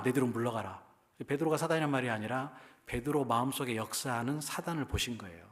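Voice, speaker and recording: A male pastor with a Jeolla accent delivers a sermon in a church, speaking at an ordinary middle pitch. He talks to the congregation in a conversational way and often turns to them with rhetorical questions. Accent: Jeolla Korean. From Jeolla region, Korea.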